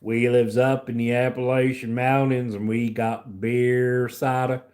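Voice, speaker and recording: A man voicing a backwoods old mountain man in a slow, twangy drawl. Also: medium pitch, flat delivery, a little mellow, pitched below the performer's own voice, natural voice. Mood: proud.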